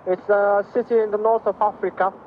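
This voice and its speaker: A man's voice: high voice, flat delivery, fairly quick, narrow, tinny audio, a little hiss or hum. A man from Morocco chatting cheerfully with strangers over a video screen, asking their names and where they are from. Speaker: performer talking to passers-by.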